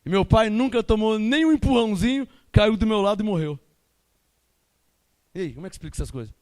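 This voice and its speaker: A man preaching a sermon as pastor with a Brazilian Portuguese accent, emphatic and animated, switching between loud outbursts and quiet asides. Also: sits high, fairly quick.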